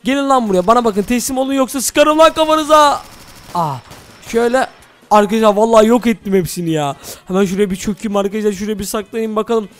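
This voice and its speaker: A man hosting a Minecraft role-play, talking excitedly to his viewers as "friends". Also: sits high, quick pace. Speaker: gaming channel host.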